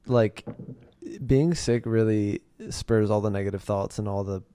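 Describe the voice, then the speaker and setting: A man's voice: lowish voice, steady tone, a little slow, dark tone, smooth. A man hosting a podcast, chatting casually and joking with frequent laughs. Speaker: podcast host. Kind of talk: casual chat.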